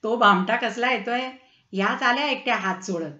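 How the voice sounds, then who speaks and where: A gossipy woman friend who scoffs and giggles, played by a woman storyteller. Her voice is high and pushed louder. The recording is roomy and a touch lo-fi. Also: normal speed. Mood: mocking. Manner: giggly, scornful. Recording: roomy, slightly dull lo-fi.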